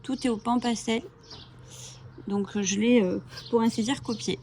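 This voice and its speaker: A woman's voice: on the high side, steady tone, unhurried, darkish tone, slight background noise. A woman hosting a coloring channel, flipping through coloring books and chatting enthusiastically, with frequent fillers. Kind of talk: casual book flip-through. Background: bird chirping.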